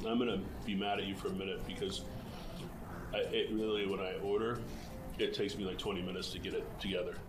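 In restaurant dining rooms, a middle-aged chef presents his food show with casual, enthusiastic chatter in short, punchy phrases. He talks fast in a low-pitched, level voice, and the low-quality recording carries background music.

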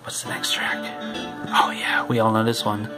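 A young man hosting his channel, chatting casually and haltingly at home while records play. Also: on the low side, completely flat delivery, low-quality recording. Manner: rambling, halting, with frequent restarts. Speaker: channel host. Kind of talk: casual commentary over vinyl record playback. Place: home room. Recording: music playing loudly behind the voice.

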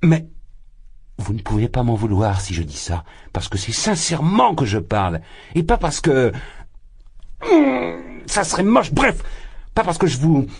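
A man reading an audiobook voices a drunk, exalted young man who rants loudly, his voice leaping high and then sinking. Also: wildly swooping pitch, a little slow, creaky, pauses often, husky, full character voice. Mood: flustered. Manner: loud, impassioned, rambling, swings high. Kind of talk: audiobook character voice.

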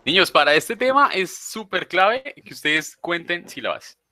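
A man's voice: high voice, very animated, unhurried, bright, forceful tone. A male teacher leading an online English class, patiently explaining rules step by step.

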